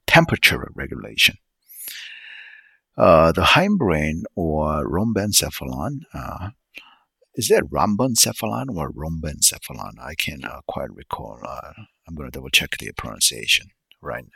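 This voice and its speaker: Brief: very low, gravelly male voice with a husky edge, halting solo lecturer full of fillers. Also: sing-song, bright, forceful tone, dry recording. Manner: halting, many fillers, checks pronunciations aloud. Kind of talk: casual unscripted lecture.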